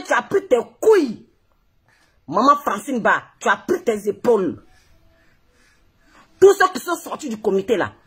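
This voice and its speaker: A woman's voice: fairly high pitch, breathy edge. A woman with an Ivorian French accent, a blogger ranting on a Facebook live stream into her phone, mocking and scolding with a lot of laughter. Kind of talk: heated live-stream rant.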